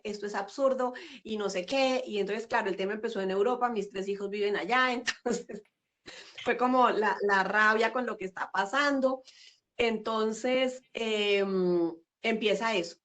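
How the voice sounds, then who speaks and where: A woman's voice: medium pitch, unhurried. A middle-aged woman, talking reflectively as a guest in an interview over a video call. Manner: warm, reflective, with frequent fillers and laughs. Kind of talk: casual interview conversation.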